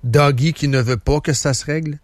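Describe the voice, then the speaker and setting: A talk radio host with a Quebec French accent chats casually, rambling through stories with plenty of fillers. His voice is fairly high with fairly even intonation at a moderate pace, and the studio recording is dry.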